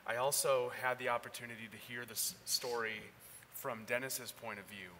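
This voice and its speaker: A man, a pastor, speaking conversationally to his congregation with gentle humor. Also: medium pitch, fairly even intonation, normal speed, a little hiss or hum. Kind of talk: sermon and church announcements. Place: church hall. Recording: reverberant hall, faint ambience.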